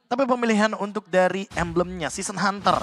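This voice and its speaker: A man's voice: high-pitched, fairly quick, fairly bright tone, slight background noise. A man giving analytical esports commentary as a co-caster.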